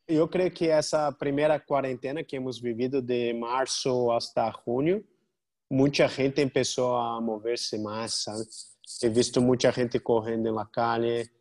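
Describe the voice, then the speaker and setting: A man's voice: medium pitch, steady tone, a little slow, darkish tone. A man speaking casually as an interview guest, with a Portuguese-influenced accent and a portuñol mix of Spanish and Portuguese. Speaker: podcast guest, jiu-jitsu gym representative.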